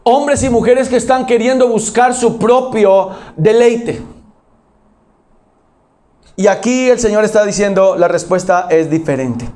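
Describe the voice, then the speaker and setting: High-voiced pastor preaching. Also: male voice, a little slow, mellow. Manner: emphatic, with rhetorical questions. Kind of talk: sermon. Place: church auditorium.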